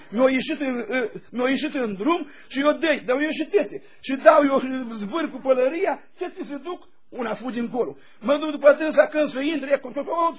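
Man, pastor, high-pitched voice, sermon, folksy anecdotes, animated. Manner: folksy storytelling, animated, laughing asides.

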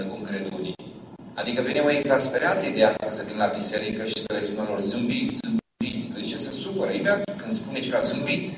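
A man's voice: lowish voice, noisy background. A man preaching a sermon, telling stories and acting out the voices in them. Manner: storytelling preacher, acts out quoted voices. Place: large church. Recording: echoey church from far off.

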